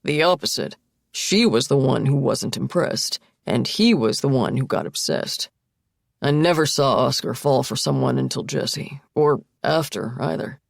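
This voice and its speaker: A calm, friendly middle-aged man remembers old friends in a soft, wistful way, read by a woman in her own low voice. The tone is gravelly and husky. It sits close and dry in the ear, as in an audiobook. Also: measured pace, no echo, full character voice. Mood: reflective.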